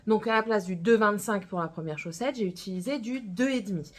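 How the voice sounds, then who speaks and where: A woman's voice: mid-range voice, a little fast. A woman with a northern French accent tinged by Gironde, chatting casually to camera about her knitting, rambling with many hesitations. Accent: northern French with a touch of Gironde. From northern France. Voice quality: rambling, full of hesitations and self-corrections. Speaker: knitting podcaster.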